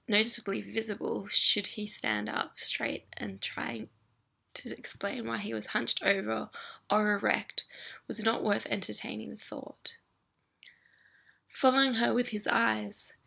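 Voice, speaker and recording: A woman narrates a story in whispered role-play, her voice hushed and breathy. Heavy gravel and fry run through her tone, which stays bright and sharp. Her pitch barely moves from line to line.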